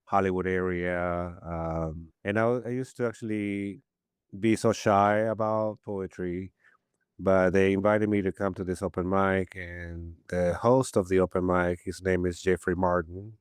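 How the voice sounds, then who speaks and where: Deep smooth-voiced man. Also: unhurried, no room sound, clean studio sound. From Peru. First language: Spanish. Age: 50s. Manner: rambling, animated storyteller with many restarts. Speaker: poet, podcast guest. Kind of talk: casual storytelling interview.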